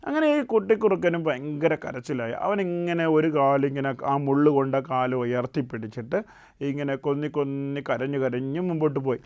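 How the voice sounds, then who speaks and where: A man hosting a children's puppet show, telling a folk tale gently and often asking the young listeners questions. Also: medium pitch, normal speed, smooth. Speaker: puppet show host and storyteller. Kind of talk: storytelling to children.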